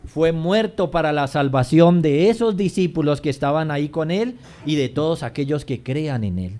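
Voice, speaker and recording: A male pastor preaching a sermon, addressing the congregation as brothers, swinging between hushed low passages and raised emphatic lines. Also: lively intonation, normal speed.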